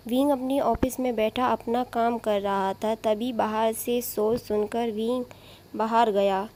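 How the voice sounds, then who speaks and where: A woman casually retelling a fan story in a relaxed, conversational way. Her voice sits a little high, and she adds chatty asides and restarts as she goes. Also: a little hiss or hum.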